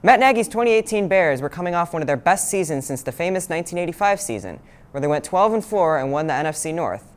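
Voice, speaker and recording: A young man working as a sports reporter, narrating a scripted feature and hitting each new item with animated, swooping emphasis. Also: on the high side, fast, smooth. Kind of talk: scripted news package narration.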